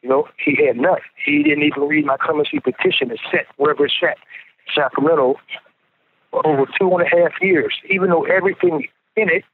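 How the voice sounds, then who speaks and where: Over the tinny line of a prison payphone, an inmate being interviewed casually talks a little fast in a fairly high, evenly pitched voice. He sounds earnest, restarts often by repeating words, and a faint hiss or hum sits under the call.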